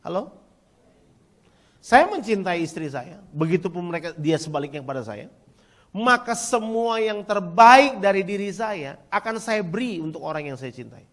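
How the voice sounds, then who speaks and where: High-voiced man preaching with force. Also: animated, normal speed. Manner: emphatic preaching, rising to near-shouts, then dropping quiet; addresses congregation directly, asks for replies. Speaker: pastor. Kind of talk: sermon.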